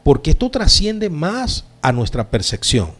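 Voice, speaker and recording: A man preaching a sermon as pastor, slow and emphatic with dramatic pauses. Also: fairly high pitch, wildly swooping pitch, a bit bright.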